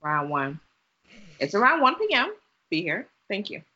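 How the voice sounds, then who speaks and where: A woman's voice: medium pitch, sing-song, moderate pace, bright, forceful tone, highs cut off. A woman co-hosting a podcast, chatting casually in a blunt, teasing way. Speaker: podcast co-host. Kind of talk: casual banter.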